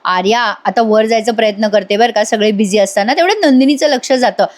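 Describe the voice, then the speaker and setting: A woman's voice: a little high, fairly quick. Chatty woman recapping a TV serial. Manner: animated, chatty, addresses viewers directly; laughs often while recapping. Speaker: TV serial reviewer.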